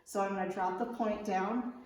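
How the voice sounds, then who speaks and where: A woman with a medium-pitched, slightly mellow voice leads a fencing class in a very reverberant large room. She speaks at normal speed with fairly even intonation, breaking down technique step by step and casually checking understanding with "okay."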